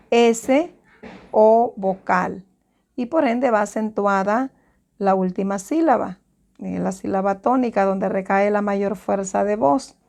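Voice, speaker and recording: Honduran lady teacher, slow careful explaining, kinda high voice. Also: vocal fry. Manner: slow, explanatory, repeats and self-corrects. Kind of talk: recorded lesson.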